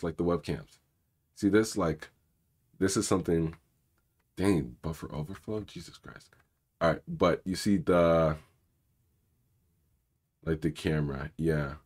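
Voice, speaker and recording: Here a man who hosts a cybersecurity channel works through a laid-back live coding session and answers viewer questions. Illness has made his usually deep, rumbling voice extra raspy, and the overall feel is a little mellow. His talk wanders and is packed with fillers, with muttering under his breath as he clicks through things.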